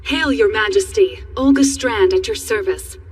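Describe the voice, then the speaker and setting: A woman's voice: a little high, moderate pace, husky, recorded from a distance, faint music behind. A woman voicing a courteous, self-possessed beast-woman ambassador in an English anime dub. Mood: formal greeting.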